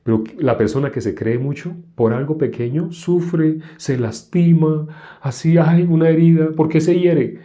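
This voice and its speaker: A man preaching a sermon, asking rhetorical questions and acting out quoted voices with big jumps in pitch. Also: unhurried, mellow.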